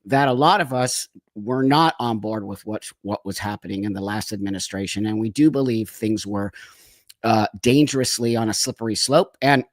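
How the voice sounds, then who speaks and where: A man with a lowish voice hosts a casual live stream, chatting with someone over a video call at a moderate pace. He's effusive and rambling and laughs often, and there's no room sound on the recording.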